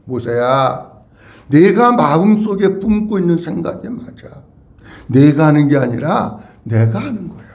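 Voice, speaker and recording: Man doing God, calm, reassuring, gentle, fairly high voice, lively lilt. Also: a little slow.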